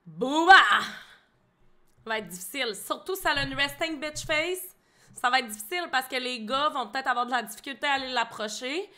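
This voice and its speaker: A young woman with a Québécois accent talks over clips in a casual reaction video. Her voice sits high and bright. She is blunt and excitable, and she swears often. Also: fairly quick. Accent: Québécois French. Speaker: host reacting to show clips.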